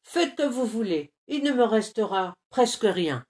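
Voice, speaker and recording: A woman's voice: a little high, expressive, unhurried, darkish tone. A woman voicing a greedy, hot-tempered male squirrel who snaps and sulks, in a storybook reading. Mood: angry. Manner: snappish, sulky.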